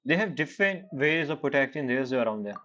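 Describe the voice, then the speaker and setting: A female gaming streamer who isn't a native English speaker gives chatty, reactive, hesitantly phrased commentary. Her bass voice is expressive and a little fast. The mic sounds slightly dull, with game music behind her.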